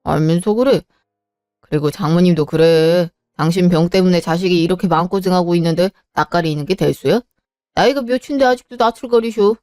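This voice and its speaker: A woman voicing a cold, dismissive husband who flatly refuses every request. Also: on the low side, fairly quick, no echo, clean studio sound, natural voice. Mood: stubborn. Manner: blunt and unyielding. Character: cold, dismissive husband, busy working man. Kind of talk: Korean drama voice acting.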